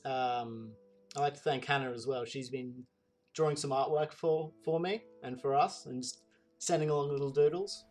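A man's voice: medium pitch, steady tone, normal speed, darkish tone, faint music behind. Chatty, grateful male player. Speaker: podcast player. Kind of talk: casual thank-yous.

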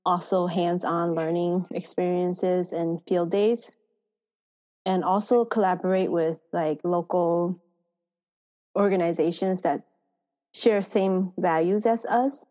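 A woman born in Thailand, a farmer education manager, telling her story in a relaxed interview and laughing often. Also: lowish voice, slow. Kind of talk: casual interview conversation. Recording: slightly dull lo-fi sound.

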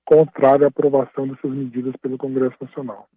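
A man speaking by phone as a radio interview guest, explaining at a steady pace and often tagging his phrases with a questioning "right?". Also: mid-range voice, fast, breathy edge, no echo. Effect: heard over a phone line. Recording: tinny dry phone line.

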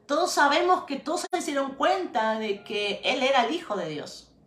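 A woman's voice: high-pitched, lively intonation, normal speed, fairly bright tone. A woman pastor preaching a sermon, emphatic and repetitive, speaking straight to the congregation. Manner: emphatic preaching with repeated phrases and direct address. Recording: echoey hall.

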